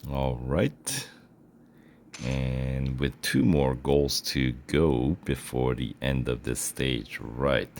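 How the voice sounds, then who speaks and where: A man giving casual gameplay commentary, relaxed and thinking aloud with frequent pauses. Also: a bass voice, creaky. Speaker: gaming channel host.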